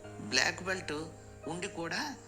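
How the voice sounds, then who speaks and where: A man's voice: high voice, sing-song, measured pace, music in the background, pitched above the performer's own voice. A man voicing a sweet but firm young bride. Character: young bride, polite but fierce karate expert.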